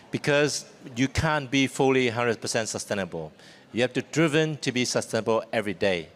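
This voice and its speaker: At a trade fair seminar stage, a man who founded a company gives a live business presentation. With ties to Vietnam and New Zealand, he speaks in a mid-range voice using informal, simple non-native English, and ambient background noise is noticeable in the recording.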